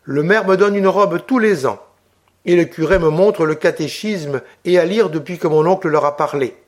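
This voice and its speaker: A man voicing a young peasant girl in an audiobook reading, with an eager, breathless, high-pitched child voice. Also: moderate pace, lightly acted. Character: young peasant girl, timid but loyal.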